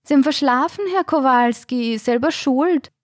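A woman voicing a stern female care worker with a shrill, scolding voice. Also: normal speed, no room sound, clean studio sound, natural voice.

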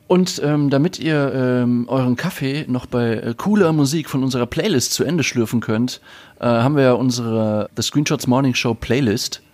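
A man's voice: medium pitch, darkish tone. Hesitant man hosting a morning show. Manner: halting, many fillers. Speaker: host. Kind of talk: casual morning show chat.

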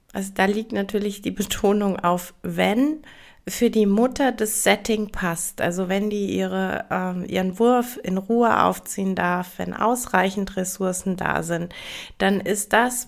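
A woman hosting a podcast, explaining calmly and reassuringly, with frequent hesitations and filler sounds. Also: mid-range voice, slow pace, gravelly. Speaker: podcast host. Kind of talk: casual explanatory podcast monologue.

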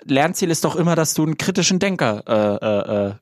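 A man's voice: on the high side, expressive, fairly quick, dry recording. A young man in a comedy sketch, playing an earnest, agreeable student who asks dry questions.

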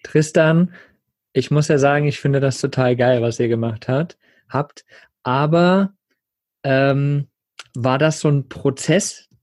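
A man's voice: medium pitch, slow, darkish tone, dry recording, studio quality. Enthusiastic man co-hosting a podcast. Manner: enthusiastic, slangy. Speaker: podcast co-host. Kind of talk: casual podcast interview.

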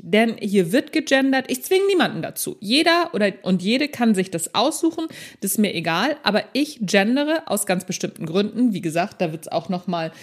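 A woman hosting her own podcast, reading parts of a prepared text and breaking off into chatty, joking asides, with lively stress and changing pace. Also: mid-range voice. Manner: lively, stresses key words, shifts pace often. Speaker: podcast host. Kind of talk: solo podcast talk, half read, half ad-libbed.

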